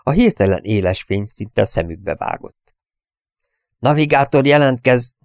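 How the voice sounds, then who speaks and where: A man reading an audiobook in a steady, measured storytelling manner. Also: sits low, gravelly, no echo, studio quality. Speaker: audiobook reader. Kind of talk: audiobook narration.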